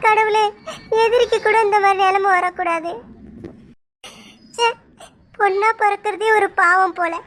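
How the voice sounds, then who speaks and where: A woman's voice: extremely high pitch, fairly even intonation, measured pace, pauses often, a bit bright, slight background noise. A woman voicing a tearful young village woman who pleads with fate.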